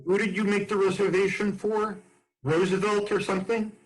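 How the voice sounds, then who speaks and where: A man's voice: high voice, steady tone, moderate pace, poor audio. A man in his sixties hosting a casual comedy chat, joking and telling anecdotes. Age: 60s. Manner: jokey, tells anecdotes. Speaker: host.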